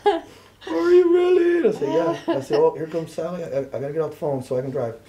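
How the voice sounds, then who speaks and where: A man's voice: fairly high pitch, rapid-fire, dull audio, crowd noise. A middle-aged man casually telling a personal story in an interview, acting out the voices of the people he quotes. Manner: animated, acts out other people's voices in quotes. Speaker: interview guest.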